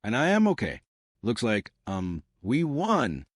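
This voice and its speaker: A man's voice: medium pitch, huge pitch swings, slow, dry recording, studio quality, heavily acted. A man voicing a Southern young woman hero, speaking in a hesitant, folksy way, read from a comic.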